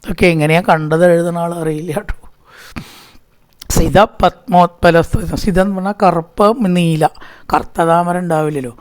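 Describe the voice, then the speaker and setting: A man teaching scripture, slowly chanting Sanskrit verses and then explaining each one in relaxed, conversational speech. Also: on the high side.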